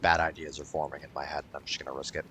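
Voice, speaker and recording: A gaming video host plays a video game while giving casual commentary, grumbling sardonically and swearing freely. His extremely low voice has little pitch movement and a sharp tone, delivered rapid-fire over noticeable background noise.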